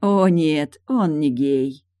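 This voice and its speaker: A reader voicing a sharp-tongued young woman who teases in a languid, mocking way. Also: sits low, expressive, normal speed, no echo, clean studio sound. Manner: teasing, languid.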